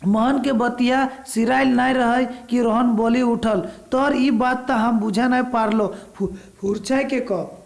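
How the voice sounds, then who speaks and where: Higher-voiced woman teaching a story text. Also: a little mellow. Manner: reads dialect lines then explains them in plain speech, asks and answers own questions. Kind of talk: explaining a story text for exam students.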